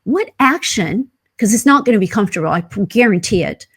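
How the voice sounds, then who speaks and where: A woman's voice: medium pitch, expressive, racing, breathy edge. Earnest woman coaching through questions. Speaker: podcast guest, epigenetics coach. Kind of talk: conversational interview.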